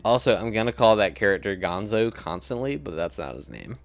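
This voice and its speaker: A young man gives loose, self-deprecating commentary over a game. His voice is low but moves around a lot in pitch. Faint game music sits in the background. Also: animated, brisk, vocal fry. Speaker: streamer. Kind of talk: casual gameplay commentary.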